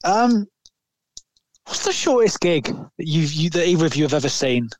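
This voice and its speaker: A man's voice: on the high side, very animated, normal speed. A man, co-hosting a podcast and telling a long, rambling story in casual chat, swearing now and then. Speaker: podcast co-host.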